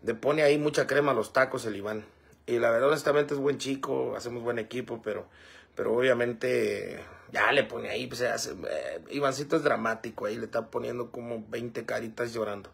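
A man's voice: medium pitch, fairly quick, fairly bright tone. A man hosting a casual livestream, reading viewer comments aloud and rambling with many fillers. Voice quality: gravelly, husky. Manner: rambling, fillers like "este" and "¿verdad?".

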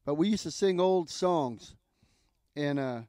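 A man's voice: a little high, measured pace, a little mellow, no echo, studio quality. A man with a lisp, co-hosting a music livestream in rambling, joking casual chat. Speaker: co-host and musician.

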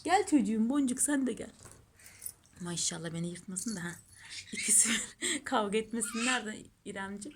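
A woman's voice: a little high, expressive, moderate pace, background noise. A woman filming her cats at home, cooing over them and chatting casually to her viewers. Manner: doting, gushing baby talk to her cats. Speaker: pet channel host. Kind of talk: casual home pet vlog.

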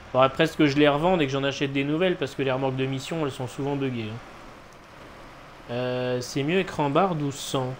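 A man giving casual live commentary as he streams a game, with noncommittal, shrugging asides. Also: mid-range voice. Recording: clear background noise, game ambience.

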